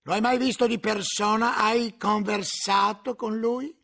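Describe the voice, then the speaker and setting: A stern, menacing inquisitor, as a male reader puts him on, hurling accusations in a high, gravelly, husky voice. He presses his questions slowly and harshly in this dramatic audiobook reading. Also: fairly even intonation, heavily acted. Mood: accusing. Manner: accusing, harsh, shouting at times.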